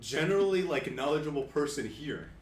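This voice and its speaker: A man's voice: a little high, animated, brisk, echoey room, over a noisy crowd. A young man co-hosting a casual podcast with friends, easygoing and chuckling. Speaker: podcast co-host. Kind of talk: casual chat among friends.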